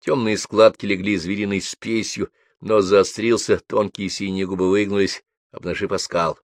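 Man reading a novel out loud, really deep voice, steady and measured, dry close sound. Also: no room sound. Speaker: audiobook reader. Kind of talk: scripted narration of a novel.

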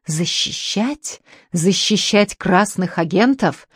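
A woman's voice: on the low side, slow, no room sound, studio quality. Woman doing a roaring red-faced old colonel. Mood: scornful. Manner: roaring, commanding.

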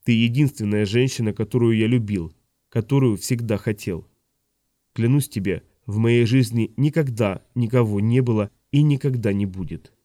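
An ageing lord, a retired soldier weighed down by a secret, speaks in a low, hushed, strained voice, as a male audiobook reader puts him on. The tone is dark and mellow and sits close to the dry mic. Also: moderate pace, dry recording, close to an everyday voice. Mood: pleading.

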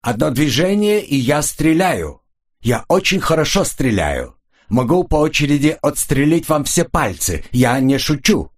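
A man voicing a volatile, hot-headed Polish man who shouts threats with a pistol in an audiobook. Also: on the high side, very animated, measured pace, voice pushed up. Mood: threatening.

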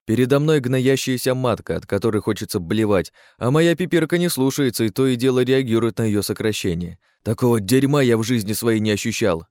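A man's voice: medium pitch, fairly quick, hardly any pauses, darkish tone, no echo, clean studio sound. A man giving sardonic, crude first-person audiobook narration.

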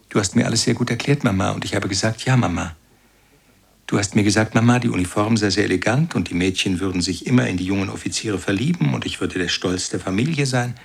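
A deep, gravelly brooding narrator. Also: male voice. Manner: slow, brooding recollection, repeatedly addressing his mother. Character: grown son recalling a pious, harsh childhood. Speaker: first-person narrator. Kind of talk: literary radio play narration.

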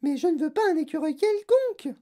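A woman voicing a spoiled rich little girl who whines, demands and yells in a very high voice. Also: normal speed. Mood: demanding. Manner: whining, demanding, yelling.

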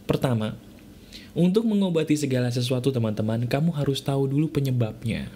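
Motivational man with a mellow voice. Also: medium pitch, brisk, slight background noise. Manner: addresses listener directly with rhetorical questions. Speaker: motivational speaker. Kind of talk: motivational talk.

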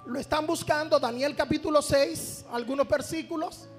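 A man's voice: very high voice, normal speed, soft background music. A man preaching a sermon at a church retreat. He reads scripture aloud and calls out fervently for amens and praise.

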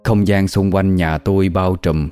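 A man with a low, mellow voice narrates a ghost story. He reads at a measured, steady pace, and faint music plays underneath. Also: smooth. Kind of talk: scripted horror story narration.

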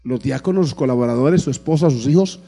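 A man's voice: medium pitch, fast talker, mellow, breathy edge. A man preaching a sermon as pastor, calling out praise and asking the congregation questions. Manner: preaching to a congregation with frequent "amén" and "alabado el nombre de Jesús". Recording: long hall reverb.

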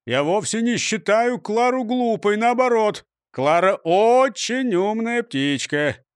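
Man putting on a puffed-up storybook cop, blustery and slow, dry sound. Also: high-pitched, animated, clear, resonant tone, no room sound, voice pushed up. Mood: sheepish. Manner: blustering, then mumbling. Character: pompous blustering male police chief.

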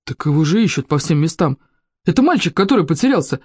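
A reader voicing a big, good-natured male police officer with a booming bass voice in a storybook reading. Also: big pitch swings, quick pace, darkish tone, no room sound, studio quality. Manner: gruff, then chuckling and easygoing.

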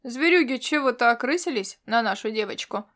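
A woman's voice: a little high, expressive, fairly quick, fairly bright tone. A woman voicing a worried male sergeant reporting to his commander. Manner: worried report, a bit distant.

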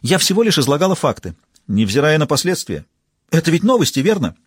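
A man voicing a brash, pushy female TV reporter who talks shrill and indignant. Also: sing-song, fairly quick, husky, dry recording, clean studio sound.

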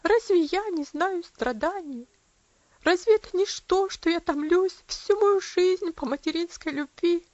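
A woman's voice: very high voice, unhurried, darkish tone, dry recording, lo-fi sound, voice pushed up. A woman reader voicing a devout, loving young girl who cries and pleads in a trembling voice. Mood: anguished pleading. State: crying.

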